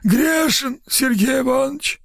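Hoarse hungover lab assistant voiced by a man, guilty and whining; audiobook character. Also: sits high, animated, takes it slowly, pitched above the performer's own voice, full character voice. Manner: whining, plaintive.

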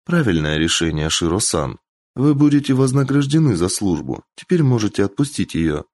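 A man's voice: lowish voice, big pitch swings, moderate pace, no echo. Man doing a stern, exasperated young princess. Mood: composed. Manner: commanding, sharp, exasperated.

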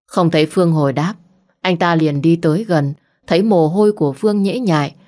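Female storybook narrator, steady, slightly low. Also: brisk.

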